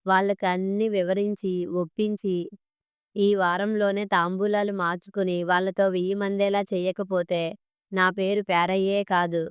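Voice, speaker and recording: A woman voicing a boastful middle-aged male marriage broker in a storybook reading, with flattering sales talk. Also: mid-range voice, unhurried, clear, resonant tone, no echo, studio quality, lightly acted.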